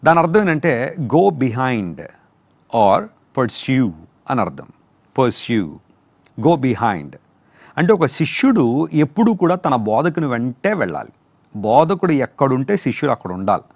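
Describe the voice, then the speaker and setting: Man, pastor, slow repeating sermon delivery, lively pitch. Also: no room sound. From India. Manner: explains terms slowly, repeating and spelling out each word. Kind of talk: sermon teaching on word meanings.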